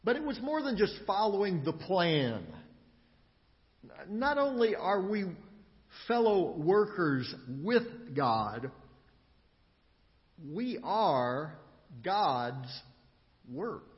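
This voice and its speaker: Guy preaching, slow and dramatic, high voice, repeats stuff for emphasis, long echoey hall, kinda dull sound. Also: big pitch swings. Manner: emphatic, rhythmic repetition with dramatic pauses. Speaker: pastor. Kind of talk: sermon.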